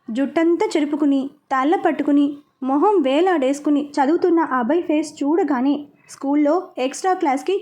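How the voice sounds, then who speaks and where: A woman narrating a scripted serialized story in a steady, expressive reading voice. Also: high-pitched.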